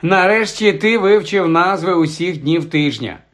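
A man's voice: high voice, expressive, a little slow, voice pushed up. A man doing a dry, sarcastic boy wizard. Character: young boy wizard, dry and sharp-tongued. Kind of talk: audiobook character voice.

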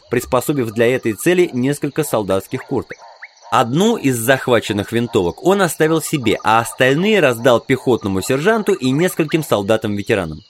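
A man narrating an audiobook in an even storytelling manner. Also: mid-range voice, slight background noise.

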